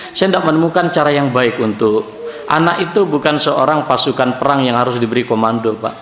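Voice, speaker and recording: A male preacher tells a family story to his listeners in a mosque auditorium. His voice sits at an ordinary pitch. The hall is roomy and echoes, and a faint hum of ambience sits under it. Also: gravelly. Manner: storytelling, addresses audience as Pak and Bu. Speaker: Islamic preacher. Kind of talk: mosque study-circle sermon.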